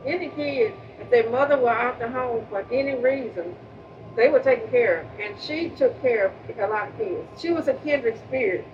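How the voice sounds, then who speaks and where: Speaking at a moderate pace in a voice that's a little high, a public housing resident earnestly shares an emotional memory of a neighbor, often repeating herself and restarting words. The sound is muffled from a distant mic, under steady background noise.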